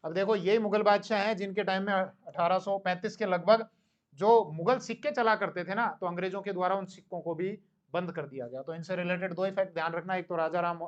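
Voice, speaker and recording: A man with a high-sitting voice, heard through a muffled recording, delivers a history lecture in class. He tells it conversationally like a story, acting out dialogue and frequently asking questions that he answers himself.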